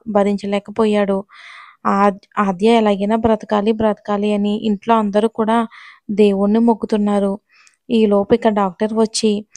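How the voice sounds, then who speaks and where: A woman reading a serialized romance story aloud to her listeners in an even, steady way, with short direct asides to them. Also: medium pitch, dry recording.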